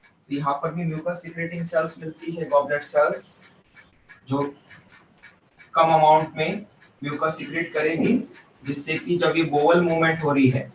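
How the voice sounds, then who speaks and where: A man with a fairly high voice teaches a biology lesson. He explains step by step and keeps asking his students questions. He is picked up from a distance in an echoey classroom with a muffled sound. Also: little pitch movement, normal speed, pauses often, a little hiss or hum. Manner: mixes English terms into Hindi.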